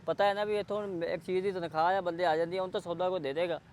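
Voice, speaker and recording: Fast-talking earnest Punjabi man. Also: high-pitched, fairly even intonation, a little hiss or hum. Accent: Pakistani Punjabi. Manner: rambling, earnest, pleading. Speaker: relative seeking help for a sick child. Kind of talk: unscripted conversation.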